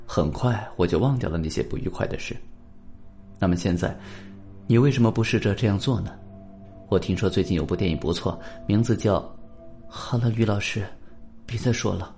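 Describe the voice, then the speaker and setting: A man narrating a suspense audiobook in the first person, calm, measured and earnest. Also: fairly low pitch. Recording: faint background music.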